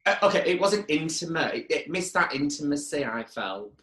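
A man's voice: a little high, very animated, normal speed, fairly bright tone, slight background noise. A man chatting casually as a guest on a podcast. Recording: echoey room.

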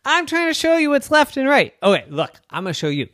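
A man voicing a friendly, chatty male walrus in a bedtime story, talking in a high, bouncy, cheerful voice. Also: sing-song, a little fast, fairly bright tone, dry recording, clean studio sound, heavily acted.

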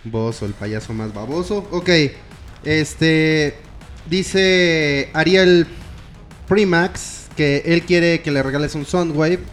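Slangy Mexican man, fairly high voice. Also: slow pace, faint music behind. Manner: slangy, teasing, swears casually. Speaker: podcast co-host reading viewer comments. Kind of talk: casual chat.

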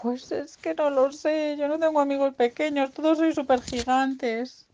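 A woman's voice: high voice, fairly even intonation, moderate pace, mellow, a little hiss or hum, pitched above the performer's own voice, close to an everyday voice. A woman voicing a whiny, easily upset little male pig-dinosaur in a bedtime story, wailing her complaints. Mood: whining. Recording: dull lo-fi recording.

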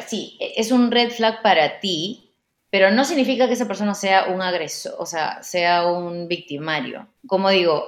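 A woman's voice: mid-range voice, roomy sound. A woman giving relationship advice in a casual, explanatory way, often repeating words as she thinks.

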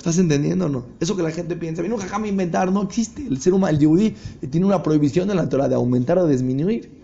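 A rabbi delivers a sermon in a slightly high voice. He tells stories with animation, slipping into the voices of the people in them. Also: fast, creaky, dull audio. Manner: animated storyteller acting out dialogue. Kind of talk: sermon with storytelling.

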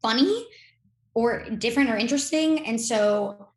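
A woman's voice: on the high side, normal speed. Chatty young woman in echoey room. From Miami, Florida. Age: young adult. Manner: rambling, filler-heavy, chatty. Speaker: guest, incoming podcast host. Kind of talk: casual interview chat.

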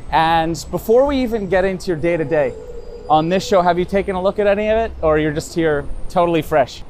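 A man's voice: sits high, a little fast, a little mellow, slight background noise. A man hosting an interview outdoors, asking curious, probing follow-up questions in a casual tone. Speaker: interview host. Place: outdoors in a city with traffic nearby.

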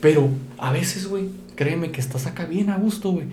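A man with a Mexican accent hosts a loose, casual chat, leaning on street slang and filler at every turn. His voice is a touch high for a man. The sound is echoey, with faint background noise. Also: a little fast, dark tone. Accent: Mexican Spanish. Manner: slangy, peppers every phrase with "güey", laughs often. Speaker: podcast host.

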